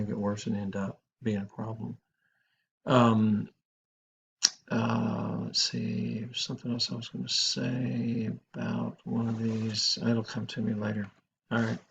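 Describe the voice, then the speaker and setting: A man's voice: fairly low pitch, gravelly, slightly rough. A middle-aged man teaching a crisis counseling class, talking informally with many fillers and restarts. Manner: rambling, many fillers and restarts, frank anecdotes. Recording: dull lo-fi classroom recording.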